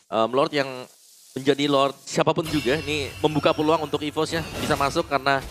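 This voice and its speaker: A man's voice: a little high, fairly even intonation, brisk, music in the background. A man with an Indonesian accent giving analytical esports caster commentary on a match.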